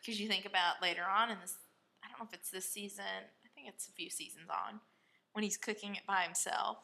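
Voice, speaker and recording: A woman's voice: mid-range voice, steady tone, brisk, bright, forceful tone. A woman co-hosting a casual commentary chat about a TV episode, chatty and asking questions. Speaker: podcast co-host.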